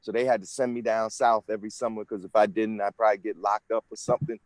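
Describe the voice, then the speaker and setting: A man's voice: lowish voice, flat delivery, fast talker, dry recording. A man in his sixties, an interview guest from the United States, answering questions in an earnest, explanatory way with frequent restarts. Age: 60s. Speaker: interview guest, senate candidate.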